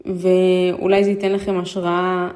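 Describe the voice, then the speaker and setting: A woman's voice: fairly low pitch, monotone, darkish tone. A woman with an Israeli accent, telling personal stories and appealing to listeners in an informal, hesitant way, repeating phrases for emphasis. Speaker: vlogger.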